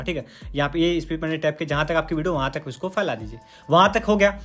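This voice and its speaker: A man's voice: sits high, a bit bright. A man talking through a phone editing app step by step in a chatty, repetitive way. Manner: chatty, repeats "dekhiye doston" and "bhai". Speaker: tutorial host. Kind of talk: screen-recorded app tutorial.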